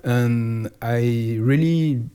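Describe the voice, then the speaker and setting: A man in his forties with a French accent, a priest answering interview questions in careful English, often pausing to find his words. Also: mid-range voice, mellow, clear, resonant tone. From France. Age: 40s. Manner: halting, searching for English words. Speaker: priest, house superior.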